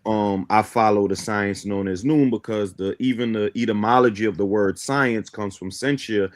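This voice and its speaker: As a guest on a talk show, a man who teaches a belief system lays out his ideas in a didactic manner, checking in often with "right?". Born in Guyana and brought up in Brooklyn, New York, he speaks on the low side at a moderate pace.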